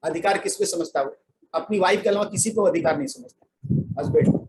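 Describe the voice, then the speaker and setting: A man with a notably high speaking voice leads a workshop on couples and their arguments. He talks to the audience in a loose, conversational way, tossing out questions and little jokes. There is a faint hiss of noise under his voice. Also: a little fast, darkish tone, rough recording. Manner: playful, jokes with listeners. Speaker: relationship coach. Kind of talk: workshop talk.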